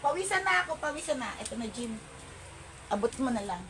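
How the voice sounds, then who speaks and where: Over a noisy background, this live-selling host talks fairly quickly in a high, very animated voice. She greets viewers by name, calls out product codes and prices, and mixes English words into her speech.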